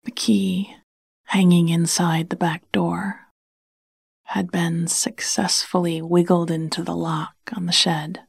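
A woman hosting a sleep podcast, telling a bedtime story in a soft, breathy half-whisper with a slow, soothing manner. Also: fairly low pitch, flat delivery, dry recording, studio quality.

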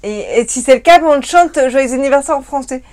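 With an expressive, high-sitting, darkish voice, this French woman chats on a livestream she co-hosts. She has had wine and is tipsy, talking rapidly, laughing, and staying chatty.

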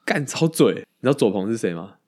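A man, co-hosting a casual baseball podcast, animated and quick to laugh and swear. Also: lowish voice, slightly rough. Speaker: podcast co-host.

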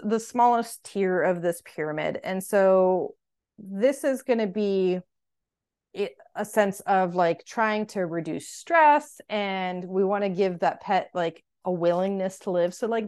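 Woman vet tech on a podcast, chatty, lots of likes and kind-ofs, mid pitch. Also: animated, a little slow, a little mellow. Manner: chatty, heavy use of "like" and "kind of". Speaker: veterinary technician podcast co-host. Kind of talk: casual educational podcast talk.

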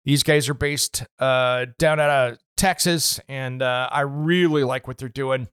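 A man's voice: medium pitch, unhurried, clear, resonant tone, no room sound, clean studio sound. Chatty home improvement radio host, man. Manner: chatty, relaxed, many "uh" fillers. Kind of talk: casual product talk on radio show. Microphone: studio microphone.

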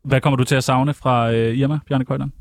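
A man's voice: mid-range voice, fairly even intonation, no room sound, studio quality. Teasing male talk-show host. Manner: teasing, quick questions.

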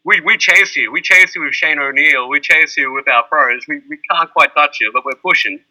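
A man's voice: a little high, normal speed, sharp tone, low-quality recording. An Australian man chatting casually, rambling through lists with plenty of fillers. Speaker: skateboarding teacher in Japan. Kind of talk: casual chat.

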